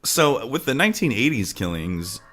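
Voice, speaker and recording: Very animated at a moderate pace, this co-host has a mid-range, slightly bright voice with a little background noise behind it. He discusses true crime casually from a home with farm animals around, regularly adding "right?" and sometimes trailing off laughing.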